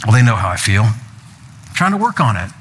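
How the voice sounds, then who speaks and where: A man's voice: lowish voice, big pitch swings, normal speed, a bit bright, slight background noise. An older man preaching as a pastor, telling a personal story and quoting his family in playful raised voices. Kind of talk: sermon. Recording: long hall reverb.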